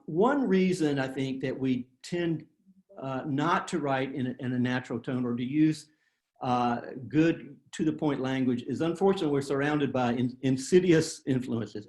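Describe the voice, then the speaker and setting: Man presenting a webinar, mid-pitched, plain-spoken, echoey room. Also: a little mellow. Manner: plain-spoken, self-deprecating, with many fillers and restarts. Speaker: presenter of a writing workshop. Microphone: video call.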